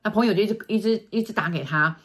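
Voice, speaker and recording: A middle-aged woman, telling a story in casual chat and acting out quoted lines in a hushed voice. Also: medium pitch, fast talker, husky. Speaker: feng shui consultant telling stories.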